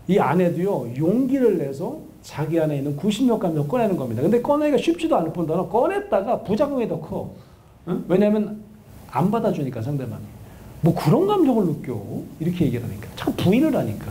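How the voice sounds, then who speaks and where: A middle-aged man, a counseling professor, giving a lively lecture to an audience and acting out the voices of a wife and husband. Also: on the high side, a little hiss or hum. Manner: animated, acts out quoted voices of a wife and husband.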